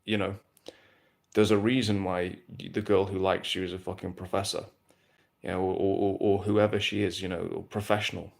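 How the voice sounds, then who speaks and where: A man's voice: sits low, flat delivery, moderate pace, creaky. A man, talking bluntly and casually with plenty of swearing while answering viewer questions on a live stream. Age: 30s.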